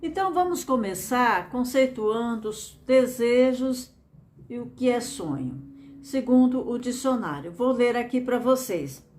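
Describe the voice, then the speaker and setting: A Brazilian woman from Mato Grosso do Sul, with a Brazilian Portuguese accent, gives an earnest, encouraging motivational lecture while presenting a method. Her voice is fairly high, expressive and unhurried, with a darkish tone, and she repeats phrases for emphasis.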